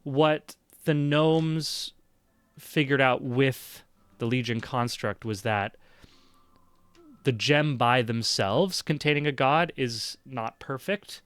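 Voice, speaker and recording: Male game master, mid-pitched, measured, thinks aloud, dead dry mic. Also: fairly bright tone, clear, resonant tone, no room sound. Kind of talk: narrating a tabletop game.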